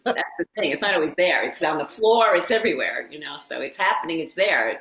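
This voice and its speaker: Animated woman guest in a roomy echo. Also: deep voice, brisk, gravelly. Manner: animated storyteller who acts out quotes and laughs often. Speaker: yoga teacher and former occupational therapist. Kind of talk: guest storytelling in a casual interview.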